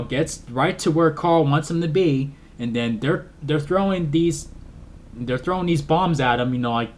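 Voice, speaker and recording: A man's voice: medium pitch, a little hiss or hum. A man giving a casual film review, retelling the plot in a rambling way with lots of fillers and emotional asides. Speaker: movie reviewer.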